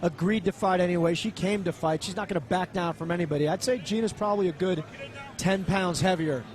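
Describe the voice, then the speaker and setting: A man's voice: high voice, a little fast. A man giving joking, conversational color commentary for a fight broadcast.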